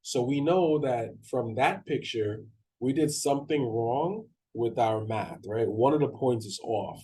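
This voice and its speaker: A man's voice: mid-range voice, unhurried, warm tone, slight background noise. A man teaching a math class, reading steps aloud with restarts and often checking in with his students. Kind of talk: online class lecture.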